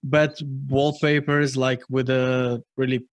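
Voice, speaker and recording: A Russian man hosting a podcast in casual chat, often pausing and restarting his sentences. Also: mid-range voice, flat delivery, dry recording. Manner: halting, many restarts and fillers. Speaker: podcast host.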